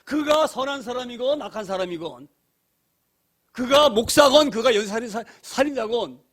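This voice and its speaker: Middle-aged male pastor, high voice, emphatic church sermon full of rhetorical questions and repeated phrases. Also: expressive, normal speed, a bit bright. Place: church sanctuary.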